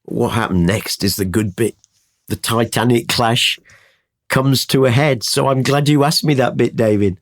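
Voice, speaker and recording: A man's voice: mid-range voice, a little slow. A man teaching from the Bible in conversation, telling the story with energy and acting out the quotes. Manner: animated storytelling, acts out quotes.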